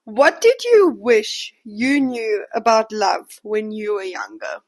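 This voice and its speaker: A woman's voice: mid-range voice, big pitch swings, slow pace. A woman in her twenties hosting a podcast, interviewing her mother in a playful, teasing way. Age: 20s. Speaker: podcast host. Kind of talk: casual chat.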